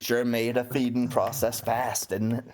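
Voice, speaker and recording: A man's voice: medium pitch, little pitch movement, a little slow, darkish tone, lightly acted. A man voicing a sly old male vampire who teases and bargains smugly. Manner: smug, teasing.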